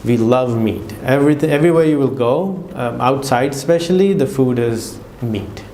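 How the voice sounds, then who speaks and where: A vlogger from Pakistan talks casually to camera in a Pakistani accent, chatty and full of fillers and restarts. His mid-range voice is a little mellow and moderately paced, in a reverberant space with a slight hiss or hum.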